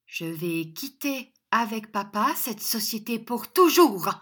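A woman's voice: a little high, lively intonation, slow pace, fairly bright tone, voice pushed up, heavily acted. A woman voicing a haughty, melodramatic young woman who speaks with scorn in a storybook reading. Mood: scornful. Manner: scornful and theatrical.

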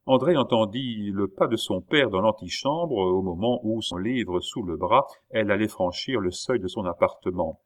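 A man narrating a classic novel aloud in a measured way, with the odd hesitation. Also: fairly low pitch. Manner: measured reading with occasional hesitations. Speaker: audiobook narrator. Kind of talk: literary audiobook narration.

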